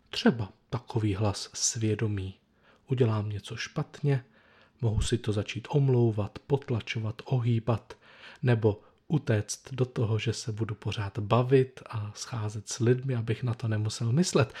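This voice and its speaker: A man preaching a sermon in a reflective, measured way, pausing between phrases. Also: lowish voice, dark tone, husky. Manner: reflective, measured delivery with pauses.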